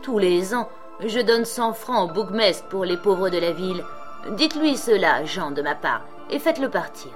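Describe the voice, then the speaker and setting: A woman's voice: mid-range voice, expressive, normal speed, faint music behind, close to an everyday voice. A woman reading the part of a stingy rich merchant father, curt and impatient.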